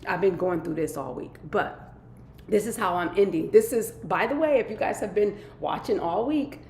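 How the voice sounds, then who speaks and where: A woman with a somewhat low, congested voice chats upbeat and casual through a live stream, leaning on catchphrases. She sounds a little nasal. The room is echoey, with a faint rumble underneath. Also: moderate pace, vocal fry, a little mellow. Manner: upbeat, chatty, repeats catchphrases. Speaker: vlogger hosting a weekly live stream.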